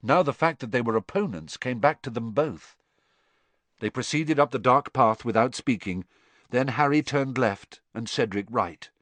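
A man's voice: medium pitch, moderate pace, a bit bright, dry recording. A man reading a story aloud as narrator, with dramatic, tense storytelling. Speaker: audiobook narrator. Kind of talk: scripted narration.

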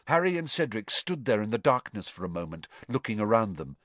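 A man's voice: lowish voice, very animated, a little fast, a bit bright, no room sound. A man reading a story aloud as narrator, with dramatic, tense storytelling. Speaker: audiobook narrator. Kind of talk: scripted narration.

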